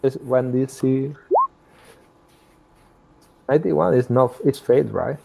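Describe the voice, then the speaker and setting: Man, tabletop player, excitable, loud bursts, mid-range voice. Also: medium pitch, unhurried, gravelly, background noise. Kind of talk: casual tabletop game play.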